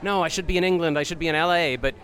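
A man from Canada hosts a casual outdoor red-carpet interview, his voice pitched high for a man and his words tumbling out quickly. He rambles, jokes and chats freely with his guest. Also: a bit bright, poor audio. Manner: chatty, joking, rambling.

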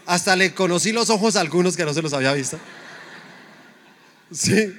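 A man's voice: sits high, moderate pace, a bit bright. A middle-aged man preaching a conversational sermon, full of rhetorical questions to the congregation. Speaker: pastor.

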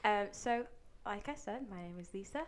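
A woman guest on a faith podcast talks in a sunny, animated way as she shares stories. Her voice sits at a middle pitch. A faint noise runs behind her. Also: moderate pace. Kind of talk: casual podcast chat.

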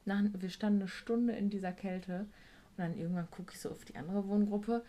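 A woman in a relaxed conversation, recounting her job in residential care. She talks bluntly and swears often. She plays every quoted exchange out loud in her own voice. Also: mid-range voice, normal speed. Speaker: guest recounting a work trip; care worker with a residential group. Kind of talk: casual storytelling chat.

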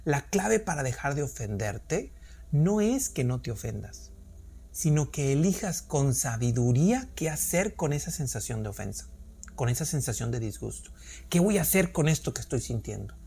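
A man's voice: mid-range voice, sing-song, normal speed, gravelly, warm tone, breathy edge. A man hosting a solo podcast, explaining ideas earnestly and asking rhetorical questions. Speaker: podcast host. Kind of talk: reflective solo podcast talk.

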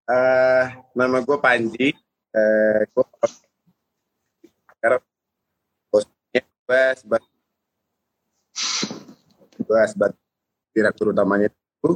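A man guesting on a podcast over a video call, speaking in a halting way that repeats words, his audio choppy and cutting out. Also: medium pitch, little pitch movement, rough recording. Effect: choppy, cutting-out internet call audio. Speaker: cafe founder, podcast guest.

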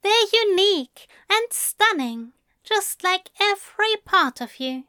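A woman voicing a fussy, gentle male angel who speaks in a prim, courteous, old-fashioned way. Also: extremely high pitch, lively intonation, takes it slowly, no echo, clean studio sound, pitched above the performer's own voice, heavily acted. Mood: adoring. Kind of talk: fan audiobook reading.

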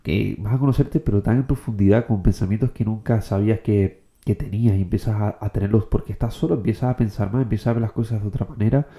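Fast-talking young man with a dark voice. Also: fairly low pitch. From Canary Islands, Spain. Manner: slangy, fast, keeps saying "tío" and "bro". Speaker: motivational content creator. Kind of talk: casual motivational monologue.

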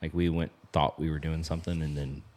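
A man's voice: extremely low pitch, flat delivery, brisk, a little mellow. A man in his thirties telling a story as a podcast guest, rambling and loose with lots of filler. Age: 30s. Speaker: podcast guest, apparel business co-founder. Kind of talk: casual storytelling chat. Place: lodge.

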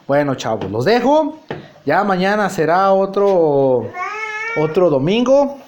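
A man's voice: sits high, sing-song, slow, background noise. A man, hosting a podcast and telling rambling stories full of crude slang. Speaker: podcast host. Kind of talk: casual storytelling monologue.

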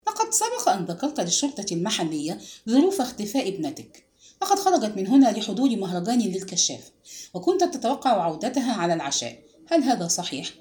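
A woman reading an audiobook and voicing a gentle, weary male chief police inspector who speaks quietly and carefully, in a lower, softer voice than her own. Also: big pitch swings, quick pace, natural voice. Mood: grave, gentle.

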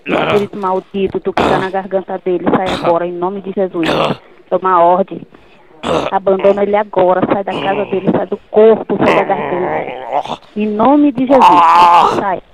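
A woman with a Brazilian accent on a phone call, repeating forceful commands in a deliverance prayer. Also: medium pitch, moderate pace, gravelly, a loud crowd. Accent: Brazilian Portuguese. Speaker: church worker on a phone call.

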